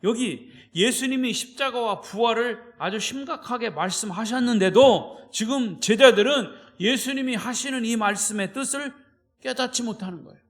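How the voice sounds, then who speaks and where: High-voiced, emphatic male pastor preaching. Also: normal speed, a bit bright. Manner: emphatic, checks in with listeners with "예?". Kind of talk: evening service sermon.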